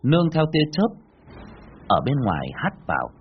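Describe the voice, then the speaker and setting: A man narrating a ghost story in a dramatic, animated storytelling manner. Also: mid-range voice, moderate pace, breathy edge, highs cut off.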